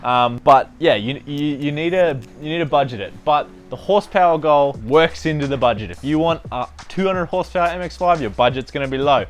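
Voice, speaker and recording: A man's voice: on the high side, a little fast, few pauses. A man talking casually to camera as a car vlogger, with slangy, sweary and emphatic phrasing, with rain on a tin roof. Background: rain on tin roof, faint music.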